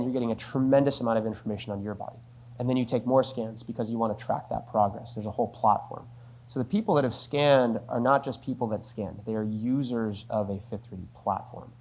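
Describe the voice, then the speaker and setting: A man's voice: fairly low pitch, darkish tone. A man answering a business question in a conversational Q&A, explaining step by step and often tagging sentences with "right?". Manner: explanatory, uses frequent "right?" tags. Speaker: company spokesperson answering questions.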